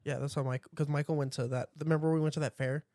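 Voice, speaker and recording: A man co-hosting a podcast, chatting casually with quick jokes and interjections. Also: fairly high pitch, flat delivery, warm tone, dry recording, clean studio sound. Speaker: podcast co-host. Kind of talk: casual chat.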